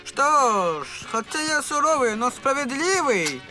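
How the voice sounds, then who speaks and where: High-voiced child pirate captain. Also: female voice, very animated, a little slow, music in the background. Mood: commanding. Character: child playing a stern but fair pirate captain. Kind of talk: dubbed cartoon acting.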